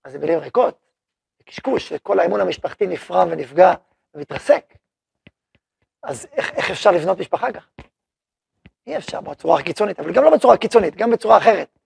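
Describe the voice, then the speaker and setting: A man's voice: high voice, lively intonation, gravelly, long pauses, darkish tone, slightly rough, no room sound. A man teaching a Torah lesson as a rabbi, speaking conversationally and putting questions to his listeners. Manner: conversational, asks the audience questions.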